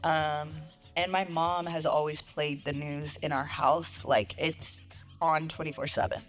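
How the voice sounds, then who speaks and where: A young woman guest journalist chatting in an interview, soft-spoken with a clear, radio-ready way of talking. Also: low-pitched, little pitch movement, unhurried, soft background music. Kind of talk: casual interview chat.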